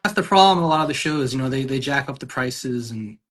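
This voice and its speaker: A man's voice: medium pitch, expressive, fast, fairly bright tone. A man who is a guest on a casual chat show, easygoing, often repeating words as he starts a thought. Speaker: guest ticket collector.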